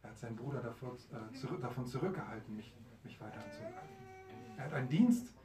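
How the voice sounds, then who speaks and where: Brief: soft pleading holy man, voiced by a male storyteller, devotional story, distant mic. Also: medium pitch, huge pitch swings, fast talker, over music. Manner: pleading, earnest. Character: gentle pleading male saint, adult. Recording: roomy hall, mic far, audience.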